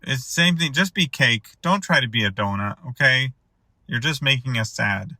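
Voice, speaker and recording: A man's voice: medium pitch, normal speed, pushed and bright, no room sound. A man delivering a rambling comedic monologue, often stopping and restarting his sentences with mock exasperation. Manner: rambling, self-interrupting, exasperated. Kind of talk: rambling stand-up style monologue.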